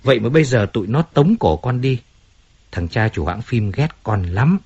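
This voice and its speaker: A man's voice: mid-range voice, animated, normal speed, a little mellow, breathy edge, lo-fi sound. A man doing a whining, self-pitying fading singer. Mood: pleading. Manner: complaining, pleading, resentful.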